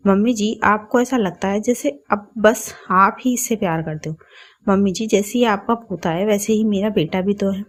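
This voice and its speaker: A woman voicing a calm, polite young mother and daughter-in-law who reasons gently. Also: mid-range voice, moderate pace, close to an everyday voice.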